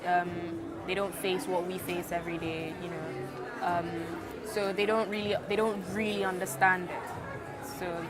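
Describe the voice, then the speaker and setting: Young Nigerian woman, hesitant, low voice. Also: flat delivery, unhurried, loud music behind the voice, a loud crowd. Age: young adult. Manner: hesitant, many fillers and restarts. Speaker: interviewee, student. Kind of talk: casual interview answers.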